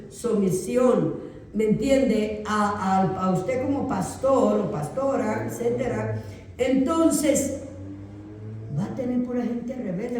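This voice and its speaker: A woman pastor teaching a theology class in a relaxed, conversational way, often checking that her students follow. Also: fairly high pitch. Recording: echoey room, voice picked up from far off.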